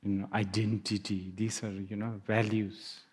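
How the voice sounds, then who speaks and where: A man's voice: fairly low pitch, level tone, a little slow, slightly rough. A man giving a Buddhist dharma talk, musing aloud with laughs and hesitant restarts. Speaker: Buddhist teacher. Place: lecture hall.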